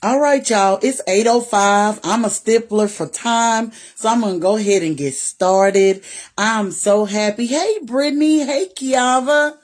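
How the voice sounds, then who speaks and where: A woman's voice: on the high side, measured pace. A woman, chatting on a live stream and greeting viewers by name. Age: 40s. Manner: warm, greets viewers by name, Southern "y'all" talk. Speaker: vlogger hosting a live stream. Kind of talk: casual live-stream chat.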